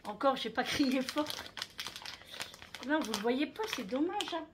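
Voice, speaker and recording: Woman, middle-aged, from France, casual home vlog, rambling chatty manner, slightly high voice, faint background hiss. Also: animated, unhurried. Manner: chatty, rambling, many fillers and hein. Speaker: vlogger. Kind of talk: casual haul vlog chat.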